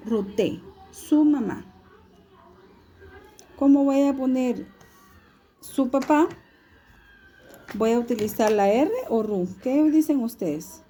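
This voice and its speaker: A woman teaching a recorded video lesson, with a very dark, mellow tone. She talks slowly and patiently and puts questions to her students as she explains. Her speech is unhurried and steady. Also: sits high, a little hiss or hum.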